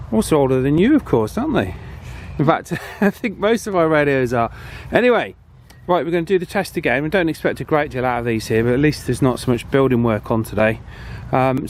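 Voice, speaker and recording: The host of a radio repair channel, a man with a fairly high voice, leads a casual hands-on demonstration, chatting and thinking aloud as he goes. There's slight background noise.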